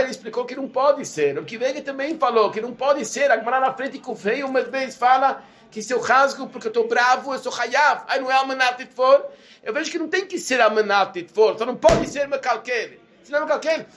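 High-voiced man teaching Talmud. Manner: animated, repeats words while reasoning aloud. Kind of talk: Talmudic lesson.

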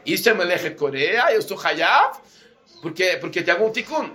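A man teaching a Talmudic lesson, reasoning aloud in an animated way and often repeating words. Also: sits high, moderate pace.

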